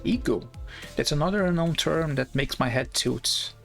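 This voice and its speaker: A man's voice: fairly high pitch, moderate pace, gravelly. A man streaming a game live, reading its dialogue aloud casually and stumbling over words now and then. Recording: faint game music behind.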